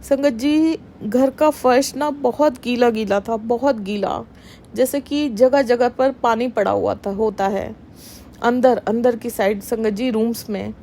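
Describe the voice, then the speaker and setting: Slow, emotional devotional woman speaker. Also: on the high side, warm tone, a little hiss or hum. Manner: emotional, earnest, addresses listeners as sangat ji. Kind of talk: devotional testimony to followers.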